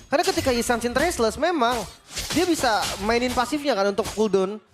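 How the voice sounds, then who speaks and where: High-voiced Indonesian male esports caster. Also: brisk, over music. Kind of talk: esports commentary and analysis.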